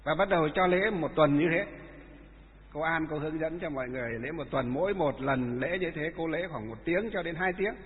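A man, a Buddhist monk giving a dharma talk and telling stories, with many halting filler sounds. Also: a little high. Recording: echoey hall, tinny phone-like sound.

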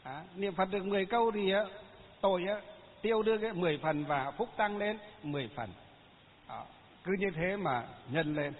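A man's voice: high-pitched, a little fast. A man, a Buddhist monk giving a folksy Dharma talk full of anecdotes and fillers. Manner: folksy, chatty storytelling with frequent fillers. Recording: tinny phone-like sound in a long-reverb hall.

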